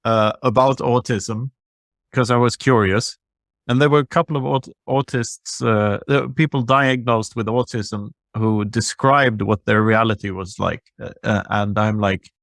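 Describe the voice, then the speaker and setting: A male podcast host talks casually, laughs often and fills gaps with plenty of fillers. His voice is mid-pitched. The recording is dry and close to the mic. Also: steady tone, unhurried, fairly bright tone, no echo. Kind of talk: casual chat.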